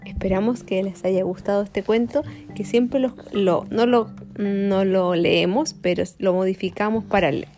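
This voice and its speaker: A woman telling a children's story in an animated way, jumping into character voices. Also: medium pitch, measured pace, hardly any pauses.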